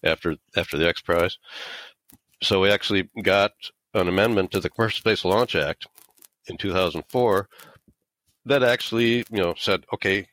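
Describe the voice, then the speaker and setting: A middle-aged man giving explanatory interview answers, starting haltingly and then making his points emphatically. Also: sits low, a bit bright, low-quality recording. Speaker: interview guest, author and former aerospace engineer.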